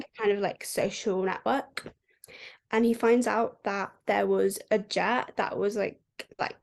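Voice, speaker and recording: A woman's voice: medium pitch, a little mellow. A woman co-hosting a podcast, casually recapping a book and filling her talk with "like.". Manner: chatty, heavy use of "like" fillers. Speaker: podcast co-host.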